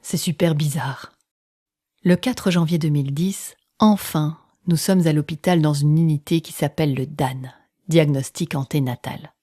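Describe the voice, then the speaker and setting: A woman telling an intimate personal story in the first person, using dramatic pauses, sometimes dropping close to a whisper and acting out what others said. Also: deep voice, dark tone, husky, no room sound.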